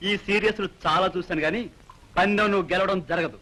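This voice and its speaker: A man's voice: high voice, moderate pace, a little hiss or hum. An actor playing a playful young man who teases his sweetheart, in film dialogue. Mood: teasing. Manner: teasing, playful, shouting warnings. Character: playful young man named Vijay, teasing lover. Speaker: film lead. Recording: film soundtrack with loud music.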